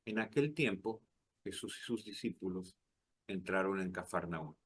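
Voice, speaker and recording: A tired man co-hosting a religious radio program, reading the gospel aloud in a measured, steady way. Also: low voice, slightly rough. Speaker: radio co-host and scripture reader.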